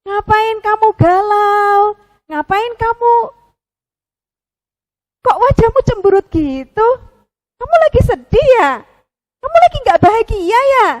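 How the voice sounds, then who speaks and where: A woman voicing Pupi, a cute, caring animal friend in a children's puppet story, asking eager, high questions. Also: lively intonation, takes it slowly, long pauses, heavily acted. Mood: curious.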